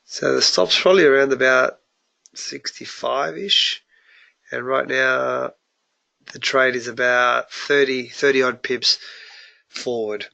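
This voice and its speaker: A man's voice: medium pitch, fairly even intonation, slow, creaky, sharp tone, no echo. A congested man hosting a live trading webinar, talking informally and restarting sentences as he goes. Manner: informal, restarts mid-sentence, addresses viewers as guys. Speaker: forex trading analyst hosting a weekly webinar. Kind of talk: live webinar market walkthrough.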